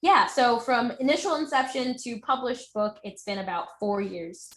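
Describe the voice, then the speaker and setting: A woman's voice: fairly high pitch, animated, moderate pace, roomy sound, rough recording. A woman author answering questions at an online book launch. She speaks casually and hesitantly, with many ums and self-corrections. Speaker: author being interviewed.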